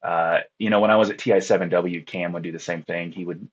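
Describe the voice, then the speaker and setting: A contest radio operator, groggy from too little sleep, talks casually as an interview guest, rambling tiredly and laughing a lot. His voice is low, husky and fairly even, he speaks quickly, and the sound is lo-fi.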